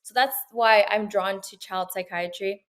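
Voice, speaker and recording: A woman's voice: mid-range voice, fairly even intonation, a little slow. Earnest young woman guest, reflective. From Peru. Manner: earnest, reflective, many fillers and restarts. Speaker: medical student guest. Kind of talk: casual interview answers.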